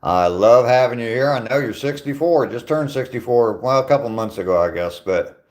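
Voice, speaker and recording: He's a man in his sixties whose medium-pitched voice has lively intonation and a moderate pace. On a walk outside, he talks into his phone during a live stream, reading viewer comments and answering them in a chatty, laid-back way with dry humor.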